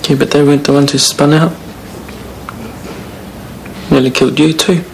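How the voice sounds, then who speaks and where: A man's voice: fairly high pitch, fairly even intonation, normal speed, vocal fry. An actor with a broad New Zealand accent playing an earnest, guilt-ridden young man in a TV soap. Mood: subdued regret. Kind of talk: naturalistic TV soap acting. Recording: noisy TV soap scene.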